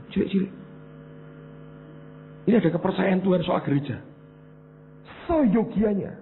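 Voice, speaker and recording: A middle-aged male pastor with a Javanese accent preaches in a fairly high, very lively voice, dropping to near whispers and then rising to loud, emphatic lines. The sound is narrow and phone-like, with a faint hum underneath. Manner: storytelling, switches between hushed asides and loud emphatic bursts. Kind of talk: sermon.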